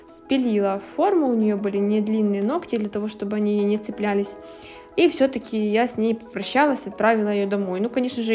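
A woman narrates a nail video as a casual storyteller. Her delivery is chatty and lightly amused, with a medium-pitched voice. Music plays behind her. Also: darkish tone.

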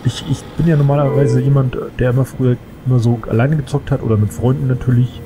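A man with a cold chats casually and thinks out loud while playing a game, like a let's play gamer. His medium-pitched voice is flat and fast, and the recording is rough.

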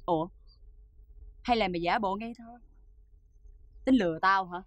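A woman's voice: medium pitch, normal speed, dry recording, lightly acted. An actress in a Vietnamese TV drama, playing a harsh, bullying woman who barks orders at her henchmen. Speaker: thug leader in TV drama.

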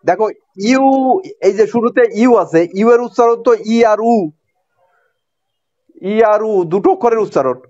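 A male teacher with a Bangladeshi accent and a fairly high voice walks students through a grammar point. He repeats each rule and keeps checking whether they follow. The recording is dry and a little muffled. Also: animated, moderate pace, pauses often, darkish tone, no room sound. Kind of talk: classroom grammar lesson.

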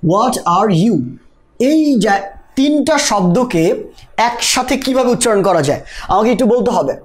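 A teacher giving a live online spoken-English lesson. The teacher keeps quizzing the class and repeats each example slowly. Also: mid-range voice, lively intonation.

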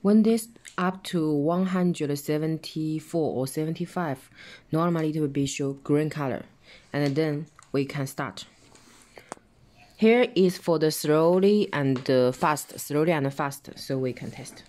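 A man giving a hands-on tutorial, explaining each step in halting, simple phrasing as he demonstrates a device. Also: a little high, a little mellow. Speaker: product demonstrator.

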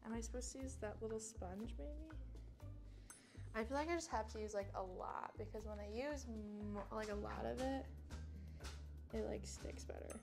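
A woman's voice: a little high, normal speed, gravelly, music in the background. A young woman vlogger chatting casually as she does makeup, giggling often and filling her talk with "like". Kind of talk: casual chat.

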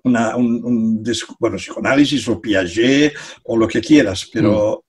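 An older Catalan man, a psychology professor, joins a casual interview as a guest over a webcam video call from his home study, speaking Spanish with a Catalan accent. His medium-pitched voice is darkish, slightly rough and a little slow, and he talks hesitantly, repeating words and laughing between phrases.

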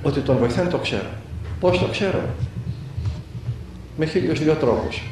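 A man's voice: a little high, lively intonation, noisy background. A man preaching as a monk elder, telling stories and acting out the dialogue with a rising and falling voice. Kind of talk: sermon with storytelling. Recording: echoey room heard from a distance.

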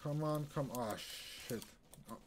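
A young native German speaker from Austria streams a game and talks it through casually in his Austrian accent. He speaks at a slow pace in a medium pitch. Keyboard tapping and background noise are clearly heard.

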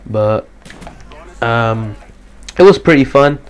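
A man giving casual live gameplay commentary, slightly depressed and monotone, swearing casually. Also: mid-range voice, slow pace, slight background noise. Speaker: gaming commentator.

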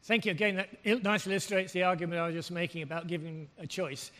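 A man's voice: high voice, level tone, quick pace, fairly bright tone. An older man giving a workshop keynote on a lapel mic, blunt and emphatic. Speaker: keynote speaker. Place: large hall with audience. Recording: long hall reverb.

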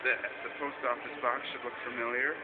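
A man's voice: medium pitch, level tone, brisk. A man in casual chat, explaining things and giving opinions at a museum exhibit. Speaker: museum visitor, companion. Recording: muffled phone-like sound, clear noise.

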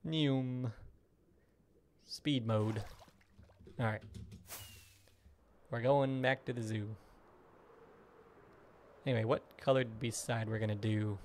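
A man's voice: medium pitch, fairly even intonation, takes it slowly, pauses often, darkish tone, a little hiss or hum. A man streaming a game, chatting casually and thinking aloud as he plays. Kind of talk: casual gaming commentary.

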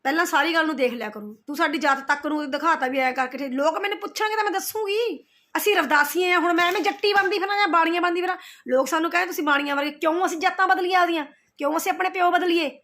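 Racing along in a very high-pitched, somewhat bright voice, a middle-aged woman vlogger hits back at her roasters. It's a heated rant straight to camera, full of scolding and confrontation, with her points repeated again and again.

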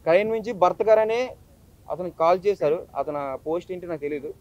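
A man gives an impassioned account at a press meet. His voice is high and he talks very fast and urgently. The audio is dull and muffled. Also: a little mellow. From Visakhapatnam, India. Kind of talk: emotional press statement.

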